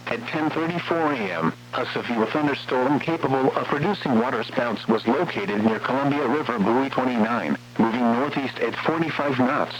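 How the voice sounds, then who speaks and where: This is an artificial male voice with an American accent and medium pitch, reading formal weather warnings in a measured, impersonal manner on a radio broadcast. The recording sounds muffled and lo-fi, with a faint hum.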